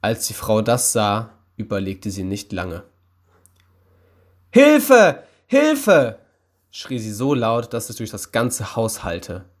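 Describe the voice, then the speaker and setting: A young man working with children reads a Bible story aloud in a friendly, calm storytelling voice. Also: on the low side, measured pace, hardly any pauses. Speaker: youth worker reading Bible stories.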